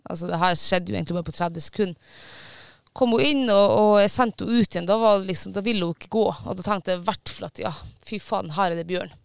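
A man with a high voice chats casually, swearing now and then and stopping on fillers as he tells his story. His tone is clear and smooth but has a gravelly fry underneath. The sound is dry and close. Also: dry recording. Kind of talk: casual chat.

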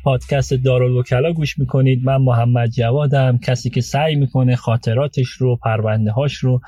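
Hoarse man with a dull, muffled sound. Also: mid-range voice, steady tone, dark tone, no echo. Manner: chatty, with frequent hesitations. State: hoarse from a cold. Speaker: podcast host and lawyer recounting client cases. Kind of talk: storytelling podcast narration.

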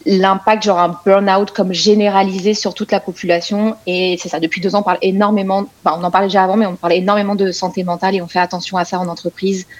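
A woman with a Québécois accent speaks as a guest on the show. Her talk is loose and relaxed, full of fillers. The recording sounds dull and lo-fi. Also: medium pitch, quick pace, few pauses. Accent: Québécois French. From Quebec.

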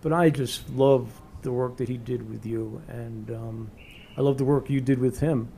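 A man's voice: medium pitch, steady tone, normal speed, warm tone, a little hiss or hum. A man with a New York accent interviewing a musician in a casual, rambling way, full of ums and restarts. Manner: rambling, many fillers and restarts.

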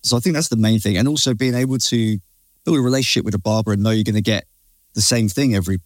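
A man's voice: lowish voice, fast talker, dry recording, clean studio sound. A British man chatting casually as an interview guest, informal, matey and opinionated, with slangy asides. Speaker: barber and creative director, interview guest.

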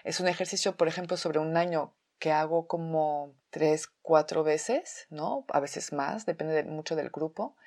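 A woman, a theater workshop teacher calmly explaining a drama exercise step by step. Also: deep voice, measured pace, few pauses. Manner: calm, methodical explanation with examples.

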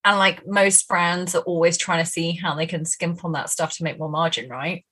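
A woman's voice: lowish voice, steady tone, moderate pace, a bit bright, husky. A woman co-hosting a podcast, chatting in a rambling way with lots of fillers and laughs mid-sentence. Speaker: podcast co-host. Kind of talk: casual chat.

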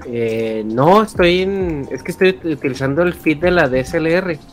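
A man's voice: on the high side, normal speed, music in the background. A man with a Mexican accent chatting casually and slangily as a podcast co-host.

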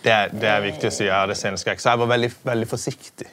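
A young man in casual chat, telling a story in an animated way and acting out what people said. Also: crowd noise. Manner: animated, acts out quotes with sudden pitch jumps. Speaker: guest musician.

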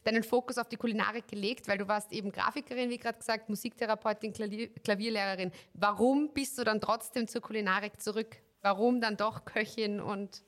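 A woman's voice: medium pitch, fairly even intonation, a little fast, few pauses, a bit bright. A woman hosting an interview podcast, friendly and chatty, asking long winding questions. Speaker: podcast host.

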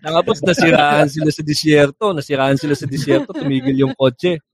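A man's voice: a little high, steady tone, fairly quick. A young man animatedly telling a joke story, acting out characters with sound effects and laughing at his own punchlines. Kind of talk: casual storytelling.

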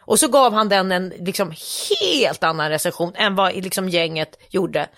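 A woman's voice: on the low side, fairly bright tone, dry recording, clean studio sound. Rambling, laughing middle-aged woman. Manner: rambling, many fillers and restarts, laughs often. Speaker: podcast co-host. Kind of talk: casual chat.

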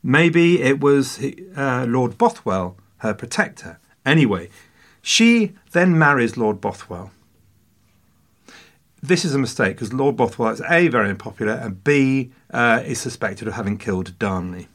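A man's voice: mid-range voice, expressive, unhurried, a bit bright. Playful Englishman telling history. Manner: playful, jokey asides, mock French phrases. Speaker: podcast host. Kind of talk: casual history podcast chat.

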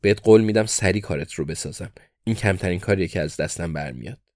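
A man's voice: low voice, a little mellow, dry recording, studio quality, natural voice. A man voicing a young American crime-family heir who makes threats but sounds sheepish. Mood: blustering threat.

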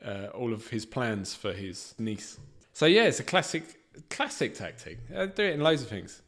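A man's voice: mid-range voice, big pitch swings, moderate pace, fairly bright tone. A man co-hosting a podcast, chatting casually and thinking aloud about details. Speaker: podcast co-host. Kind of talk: casual chat.

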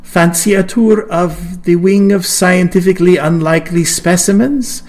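A woman's voice: fairly low pitch, normal speed, darkish tone, close to an everyday voice. A man reading a story, voicing a chatty, overly sweet woman museum director who dodges questions. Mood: sugary.

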